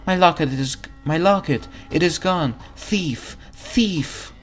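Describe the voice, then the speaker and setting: A man's voice: on the high side, a little slow, voice pushed up, close to an everyday voice. A lost, tormented female ghost from a video game played by a man. The voice is raised and melodramatic, wailing in anguish over faint music. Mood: distraught. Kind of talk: reading video game dialogue aloud.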